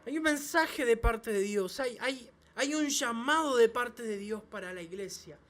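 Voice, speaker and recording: High-voiced man preaching emphatically. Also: measured pace, fairly bright tone. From Chile. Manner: emphatic preaching with repeated phrases and restarts. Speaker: pastor. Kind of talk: sermon. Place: church service.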